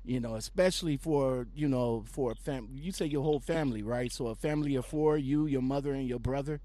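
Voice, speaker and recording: A man hosting a casual podcast interview, hyping up his guest with excited, repetitive phrasing. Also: mid-range voice, brisk. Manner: animated, repetitive hype-man delivery. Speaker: podcast host.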